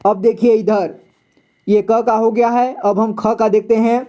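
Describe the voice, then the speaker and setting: A man's voice: sits high, level tone, unhurried, mellow. A man teaching beginners to read Hindi syllables, patiently explaining and asking himself questions, then answering them. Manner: repeats and quizzes himself, says "ठीक है" often. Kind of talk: patient step-by-step reading lesson.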